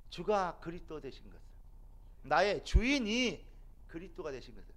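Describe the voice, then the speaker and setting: A middle-aged man preaching a sermon as a pastor in a church, building to loud, emphatic peaks. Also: on the high side, sing-song, normal speed. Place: church sanctuary.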